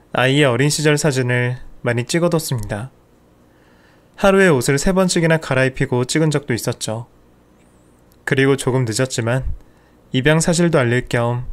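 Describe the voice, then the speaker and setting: A middle-aged man narrating a first-person family story at a calm, measured pace. His pitch sits at an everyday middle height.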